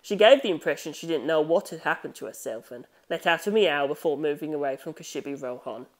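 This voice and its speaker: An audiobook narrator with a medium-pitched voice reads a scripted story, expressive yet measured in the way a storyteller would be.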